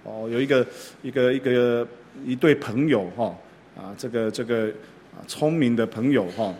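A man preaching a sermon, telling a folksy story in a gentle way and often dropping short filler sounds between phrases. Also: mid-range voice, normal speed, slight background noise. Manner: frequent filler particles like "ah" and "ha".

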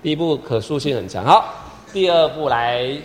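A man with a medium-pitched, animated voice speaks at a normal speed while running a choir rehearsal. He patiently repeats his instructions, counts the singers in, and sings lines to demonstrate. Piano accompaniment plays behind him in a hall with long reverb.

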